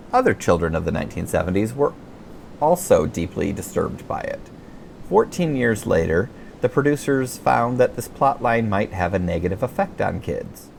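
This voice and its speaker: A middle-aged American man narrates his own funny memoir for an audiobook, telling the stories wryly and expressively. His pitch is fairly low and creaky, and there's a faint hiss or hum in the recording.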